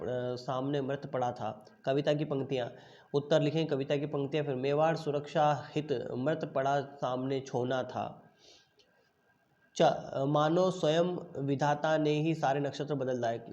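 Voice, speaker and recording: A man teaching an online class, slowly dictating answers and pronouncing words for students. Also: on the high side, a little mellow, muffled recording. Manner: slow deliberate dictation of answers.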